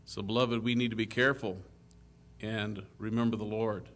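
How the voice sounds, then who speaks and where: A man preaching a sermon to his congregation, rising loud on key phrases and dropping to a soft, hushed tone. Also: fairly low pitch, little pitch movement, moderate pace. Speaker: pastor.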